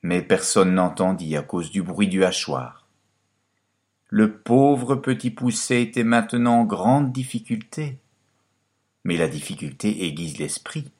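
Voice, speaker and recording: A man narrating a fairy tale in a scripted, expressive storytelling manner. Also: deep voice. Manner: expressive storytelling, lively and dramatic.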